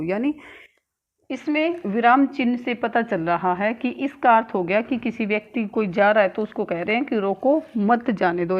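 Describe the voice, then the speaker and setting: A woman teacher giving a grammar lesson, speaking slowly and repeating key words with frequent filler sounds. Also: medium pitch. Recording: dull lo-fi sound with faint noise.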